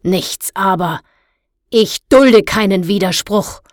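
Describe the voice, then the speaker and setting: Woman voicing a big bossy park boss guy, booming, pushy, dry close sound. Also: unhurried, no echo. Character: loud domineering male amusement park boss, booming.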